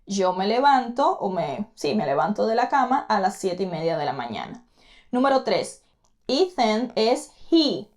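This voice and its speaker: A woman's voice: medium pitch, sing-song, a little mellow. A woman teaching English pronunciation in an online lesson, patiently repeating each word and speaking directly to the student. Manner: patient, repeats words slowly to model pronunciation; addresses the student directly, encouraging repetition.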